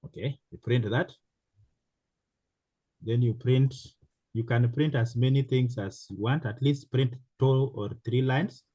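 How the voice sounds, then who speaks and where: A man teaching a programming class in a slow, halting way, with many fillers and restarts. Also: medium pitch, warm tone, breathy edge, no echo. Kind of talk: live online class instruction.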